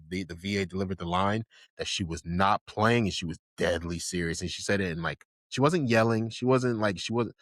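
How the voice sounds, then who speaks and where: A man's voice: sits low, a bit bright, dry recording, clean studio sound. A man co-hosting a casual podcast chat, rambling with lots of fillers and enthusiasm. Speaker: podcast co-host. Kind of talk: casual chat about anime.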